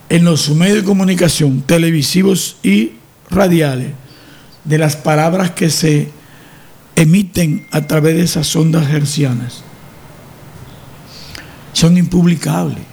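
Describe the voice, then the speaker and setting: A man hosting talk radio in a notably high voice. He speaks with a gravelly edge. He argues emphatically and lectures, restarting phrases as he goes. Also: darkish tone.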